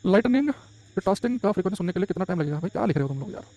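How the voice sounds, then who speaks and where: A male teacher lecturing a class in a classroom, dictating notes slowly word by word and then explaining quickly. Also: high-pitched, animated, warm tone.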